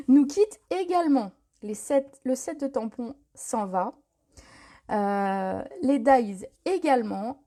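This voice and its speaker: A woman's voice: sits high, mellow. A woman hosting a live stream to sell craft products, talking casually with many hesitations and repeated words. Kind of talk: casual live sales chat.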